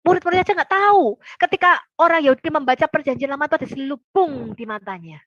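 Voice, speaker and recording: A woman's voice: high-pitched, animated, quick pace, fairly bright tone, no room sound, muffled recording. A woman preaching in a casual Bible teaching talk, blunt and joking, acting out the disciples' lines in shifting voices.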